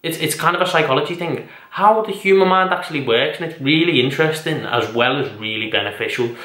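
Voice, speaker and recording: This young male vlogger speaks briskly in a sharp voice on the high side. Recording a personal vlog at home in an echoey room, he talks casually and at length, rambling off on tangents and poking fun at himself.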